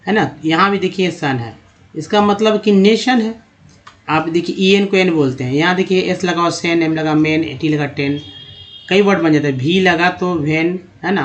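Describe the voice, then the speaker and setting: A slightly high-voiced man walks learners through a phonics lesson over slides. He speaks patiently, stretching out and repeating each sound so it can be copied. The tone is that of a friendly tutor talking straight to his students. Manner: drawn-out, repeating words slowly to show pronunciation. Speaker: English teacher.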